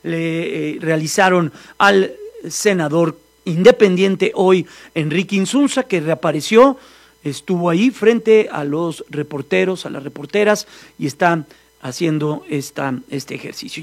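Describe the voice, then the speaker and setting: Mexican news anchor guy, pretty high voice, lots of ehs. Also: expressive, measured pace. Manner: hesitant, many fillers. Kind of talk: live news commentary.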